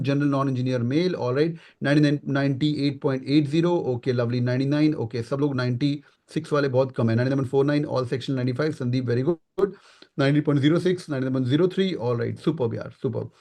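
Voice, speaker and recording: A man's voice: medium pitch, darkish tone. An Indian man casually hosting a live webinar, mixing Hindi and English mid-sentence and addressing listeners in an informal, chummy way. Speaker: host of an online exam coaching meet.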